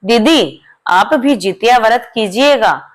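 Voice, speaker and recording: A woman playing a gentle young daughter-in-law. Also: a little high, animated, takes it slowly.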